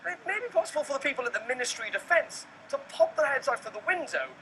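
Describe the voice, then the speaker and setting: A British man reads a scripted television news report. His voice sits high for a man and is strikingly bright and projected. Faint ambient noise runs behind him. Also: lively intonation, fast.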